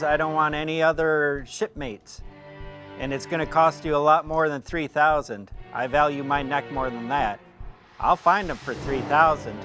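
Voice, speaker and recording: An actor playing a gruff shark hunter, reading his lines flatly in his own plain voice and stumbling over them. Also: fairly high pitch, lightly acted. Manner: flat, halting line reading in his plain voice. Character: gruff middle-aged male shark hunter, flat and halting. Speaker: performer doing a movie scene reenactment.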